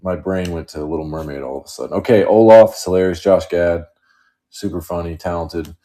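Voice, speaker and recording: Low, mellow-voiced man hosting card breaks. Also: fairly quick. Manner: rambling, joking, laughs often. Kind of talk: casual live stream chat.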